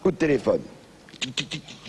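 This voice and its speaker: High gravelly guy telling jokes on tv, does noises and shouting voices. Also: fairly quick, very noisy. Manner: animated joke-telling with sound effects and shouted voices. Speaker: comedian panelist. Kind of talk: telling jokes on a TV panel show.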